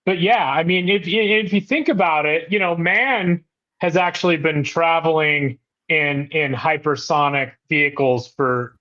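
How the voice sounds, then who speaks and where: A man's voice: fairly high pitch, measured pace, pushed and bright, muffled recording. A man co-hosting a casual aviation podcast, explaining eagerly and often restarting his sentences. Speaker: podcast co-host.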